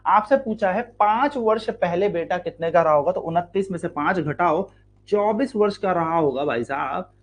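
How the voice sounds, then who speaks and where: With an Indian accent and an animated, high-sitting voice at normal speed, a man leads an exam-prep maths lesson step by step. He puts questions to his students and then supplies the answers, repeating important lines and drawing words out to stress them.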